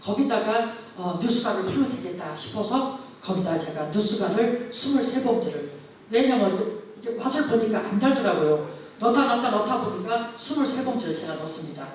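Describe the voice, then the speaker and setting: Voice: mid-range voice, animated, moderate pace, a little hiss or hum. A pastor preaching a sermon through a story, acting out the dialogue as it goes. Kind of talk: testimony sermon. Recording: very echoey church hall, mic far off.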